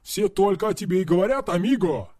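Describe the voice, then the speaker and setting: A man voicing a brash, excitable young man who yells and swears at his best friend, read as an audiobook character. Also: high-pitched, fairly quick, no room sound, studio quality. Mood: excited. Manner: yelling, swearing, mocking.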